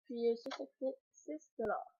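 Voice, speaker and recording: A young woman with a Québécois French accent unboxes beauty products in a casual home vlog, her voice high and warm. She's a beauty vlogger sitting indoors by a sunny window, hesitant, with frequent fillers and throat clearing. The lo-fi home video sound is dull.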